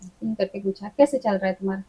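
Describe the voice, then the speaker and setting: A woman's voice: medium pitch, fast, dark tone, breathy edge, low-quality recording. A woman astrologer, a podcast guest, speaking frankly in casual conversation and acting out what her clients tell her. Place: podcast studio.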